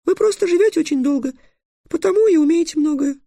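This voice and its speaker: A man voicing a tiny, hot-tempered female fairy in a very high, shrill voice. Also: quick pace, vocal fry, warm tone, no echo, studio quality. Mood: ranting.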